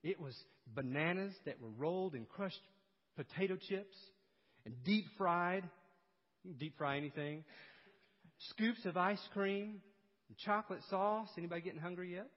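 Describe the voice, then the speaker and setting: Preacher in a reverberant church. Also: male voice, normal speed. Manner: storytelling, swings between loud emphasis and hushed low delivery. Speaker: pastor. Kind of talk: expository sermon. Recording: dull sound with long hall reverb.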